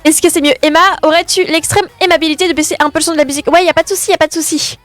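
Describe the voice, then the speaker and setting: A woman's voice: high voice, fairly even intonation, very fast, a bit bright. A woman streaming live from her bedroom, chatting with her viewers, greeting them by name and correcting herself as she goes. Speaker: gaming streamer. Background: faint music.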